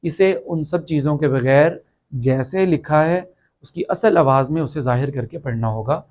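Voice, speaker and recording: A patient tajweed teacher whose first language is Urdu gives a recorded online lesson on the rules of Quran recitation. His voice is a little high with a darkish tone, and he draws out the example words in slow recitation.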